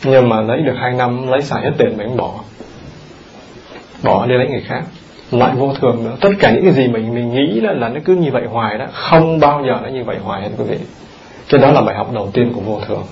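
A man, a Buddhist monk, giving an animated dharma talk in a temple hall, often turning to the audience with questions. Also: medium pitch, quick pace, dull audio.

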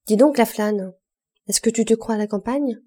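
A woman voicing a hot-tempered working-class male roofer who shouts gruffly across the rooftops in an audiobook. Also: fairly high pitch, moderate pace, lightly acted. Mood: furious.

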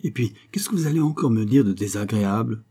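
A man's voice: on the low side, lively intonation, fast, dark tone, breathy edge. A man voicing an impetuous, sulky young nobleman who exclaims petulantly, read in an audiobook. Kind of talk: audiobook character reading.

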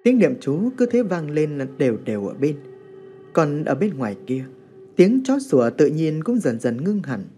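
A man narrating a horror story in a dramatic, expressive way. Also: fairly high pitch, normal speed.

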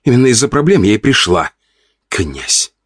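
A man voicing an indignant, sharp-tongued middle-aged countess in an audiobook. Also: on the low side, very animated, breathy edge, no room sound, studio quality, pitched above the performer's own voice. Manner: indignant, quick to retort.

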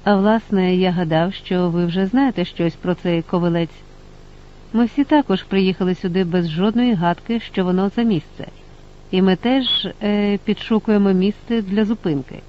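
Man doing an inquisitive talkative father, fairly high voice, dull lo-fi sound. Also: steady tone, moderate pace, close to an everyday voice. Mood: curious.

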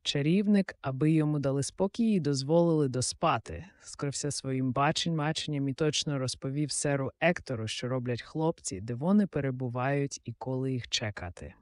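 A man narrating an audiobook with lively, expressive storytelling. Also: medium pitch, normal speed, hardly any pauses, no room sound, clean studio sound.

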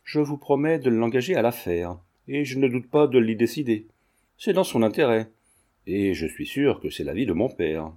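A man's voice: mid-range voice, animated, moderate pace, dark tone, close to an everyday voice. A man reading as an earnest young witness. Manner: earnest, defensive.

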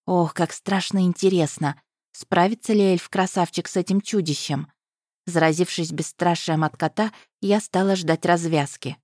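A woman narrating a first-person fantasy audiobook in an even storytelling tone, close to the mic. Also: fairly low pitch, normal speed, no room sound. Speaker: audiobook reader.

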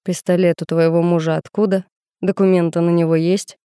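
A woman reading the lines of a tough, gruff man who gives short, clipped orders in an audiobook. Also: fairly low pitch, flat delivery, a little fast, warm tone, dry recording, studio quality, natural voice. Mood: curt commanding.

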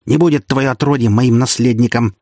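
A male audiobook reader voicing a wounded, furious middle-aged prince who shouts in rage. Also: on the low side, lively intonation, normal speed, slightly rough, no echo, clean studio sound. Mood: enraged. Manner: shouting, enraged. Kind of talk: audiobook character voice.

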